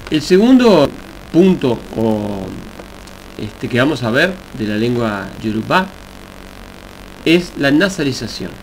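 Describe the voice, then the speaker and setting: A man teaching a recorded Yoruba language lesson, explaining slowly and deliberately with examples. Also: mid-range voice, big pitch swings, rough recording. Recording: faint hiss and mains hum.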